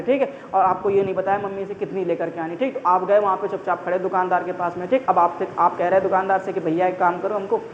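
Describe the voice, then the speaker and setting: A male teacher giving a casual grammar lesson, chatty and repetitive, with everyday examples and constant check-ins. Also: high voice. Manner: chatty, repetitive, keeps calling listeners brother. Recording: echoey room, muffled lo-fi, faint hiss.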